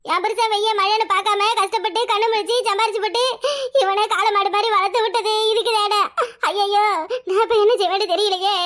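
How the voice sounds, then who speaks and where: In cartoon voice acting, a woman with a very high voice and a Kanyakumari Tamil accent plays a put-upon village daughter-in-law who complains and has a sharp tongue.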